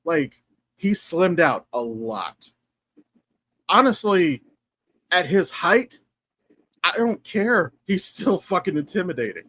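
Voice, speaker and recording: Excitable foul-mouthed podcast man. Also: takes it slowly, long pauses. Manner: animated, profane, jumps in pitch when excited. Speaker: podcast co-host. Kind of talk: casual podcast chat.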